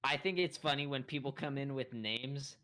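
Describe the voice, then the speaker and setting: A man in a casual podcast chat, dropping quick, joking remarks. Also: mid-range voice, pushed and bright.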